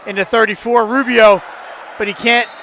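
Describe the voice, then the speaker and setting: A man calling live high school basketball play-by-play, quick and jokey, his voice jumping up on big plays. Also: steady tone, sharp tone, a little hiss or hum. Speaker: play-by-play announcer.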